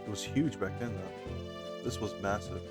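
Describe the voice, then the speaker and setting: With game music behind him, a gaming host plays through a video game and chats with his viewers in a lowish, unhurried voice. His casual let's-play commentary rambles along, full of fillers and addressed straight to the audience.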